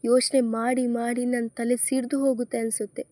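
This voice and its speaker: A woman's voice: fairly high pitch, flat delivery, normal speed, warm tone, no echo, close to an everyday voice. A woman voicing a struggling young saleswoman, anxious and tearful. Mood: despairing. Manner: distressed, tearful.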